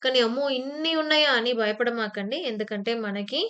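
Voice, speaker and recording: A woman English teacher with a fairly high, slightly bright, smooth voice gives an online exam-prep grammar lecture in Telugu mixed with English terms, speaking a little fast. She explains patiently with repeated examples, sometimes acting out short phrases with sudden emphasis. The recording is lo-fi.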